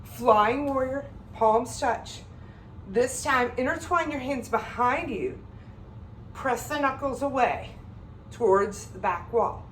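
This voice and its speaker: A woman yoga teacher speaks slowly in a high-sitting voice, the recording roomy with a little hiss or hum. She calls out flow poses in a calm, directive way, sometimes winded while moving.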